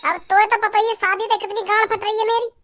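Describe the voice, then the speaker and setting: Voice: very high-pitched, flat delivery, fast, fairly bright tone, soft background music. A performer voicing a blunt, swearing cartoon young man who rants. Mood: ranting. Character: hot-headed young man Bhajji, foul-mouthed.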